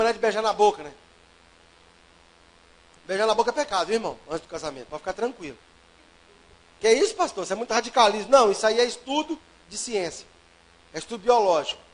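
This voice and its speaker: A man preaching a sermon, telling a personal story and swinging between loud and hushed delivery. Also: high voice, low-quality recording. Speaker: pastor.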